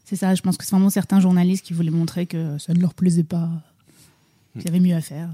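A woman's voice: fairly low pitch, level tone, fast talker, mellow. A woman reviewing a film in casual podcast chat, hesitant and full of fillers. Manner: chatty, many fillers and hesitations. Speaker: film critic on a festival podcast.

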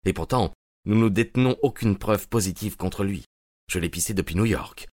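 Guy reading as a young determined detective in a story, a bit higher than his own low voice. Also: moderate pace, darkish tone, dry recording, clean studio sound, close to an everyday voice. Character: young, calm private detective.

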